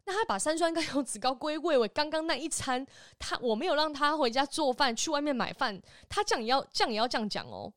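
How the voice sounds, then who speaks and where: A woman in her thirties with a Taiwanese Mandarin accent, co-hosting a podcast and telling stories in a lively, laughing way. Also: high voice, dry recording, studio quality. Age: 30s. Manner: animated storyteller, quick to laugh. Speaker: podcast co-host. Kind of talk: casual chat.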